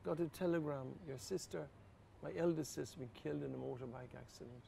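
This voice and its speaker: An older Irish priest with a deeply gravelly, fry-laden voice tells personal stories in an interview. He speaks earnestly and quietly, with a faint hiss of room noise behind him. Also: quick pace. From Ireland. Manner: earnest, quietly emotional, rises to lively laughter. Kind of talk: reflective personal storytelling in an interview.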